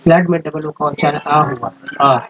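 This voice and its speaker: A man's voice: fairly high pitch, normal speed, dull audio, background noise. A man giving a patient, step-by-step pronunciation lesson over slides, going through example after example. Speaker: English teacher.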